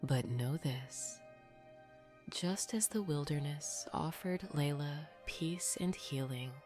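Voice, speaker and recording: Sleep story narrator: woman, low soft half-whisper, very unhurried, soothing bedtime delivery over music. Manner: soothing, unhurried, gently guiding listeners to rest. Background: background music.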